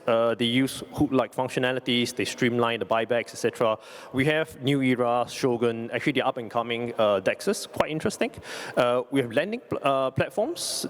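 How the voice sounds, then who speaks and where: A man presenting a conference lightning talk in an informal, conversational way, often repeating words and correcting himself as he goes. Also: mid-range voice. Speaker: company CEO presenting.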